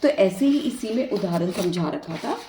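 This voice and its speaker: A woman's voice: mid-range voice, animated, moderate pace, dark tone, slight background noise. A woman math teacher, explaining a lesson step by step and asking her students questions.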